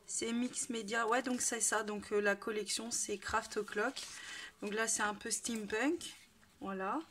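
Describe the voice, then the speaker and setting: A woman's voice: on the high side, fairly even intonation, measured pace, fairly bright tone, slight background noise. A woman giving a casual, hesitant unboxing chat with many fillers and restarts. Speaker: crafting vlogger.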